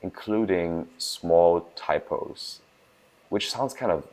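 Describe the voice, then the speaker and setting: Deep-voiced young man. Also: a little mellow, poor audio. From Germany. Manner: fast-talking, restarts words, emphatic. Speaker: guest, food startup founder. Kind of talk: casual interview answers.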